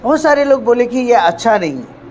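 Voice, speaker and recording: A male pastor from India preaching a sermon emphatically, with frequent hallelujahs and swings between loud and hushed delivery. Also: extremely high pitch, sing-song, brisk, soft background music.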